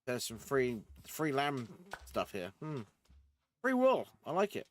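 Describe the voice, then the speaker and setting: A man's voice: medium pitch, expressive, unhurried, slight background noise. A man rambling casually over his gameplay, talking to himself and his teammates. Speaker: gaming streamer.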